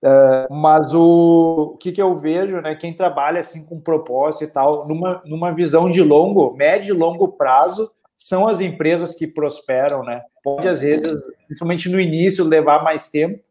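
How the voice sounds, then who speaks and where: A man with a fairly high voice talks casually about online selling. He tells client stories and acts out their lines, tagging many sentences with a questioning "né". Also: moderate pace, few pauses, dark tone. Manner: storytelling with acted quotes, frequent "né". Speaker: e-commerce consultant. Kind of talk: casual chat.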